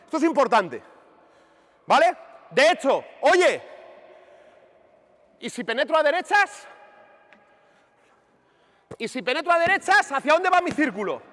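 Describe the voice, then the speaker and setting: A lively man leads a basketball clinic, his voice high and bright as it swings up and down. He keeps drilling his players with rapid questions. The sound carries a long echo a big sports hall, picked up some distance. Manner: animated and emphatic, drilling players with constant questions. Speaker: basketball coach running a clinic. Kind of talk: on-court coaching demonstration. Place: large indoor sports hall. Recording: reverberant gym recorded from a distance.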